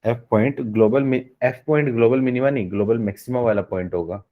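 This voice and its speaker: A man's voice: mid-range voice, brisk, narrow, tinny audio. A man teaching a live online maths lecture in a Hindi-mix, explaining step by step and constantly asking the class questions.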